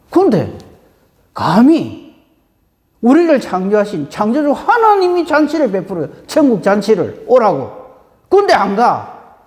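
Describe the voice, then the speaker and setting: A woman's voice: medium pitch, long reverb tail. A woman pastor preaching a dawn service sermon, asking the congregation one rhetorical question after another. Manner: lively, asks the congregation many rhetorical questions.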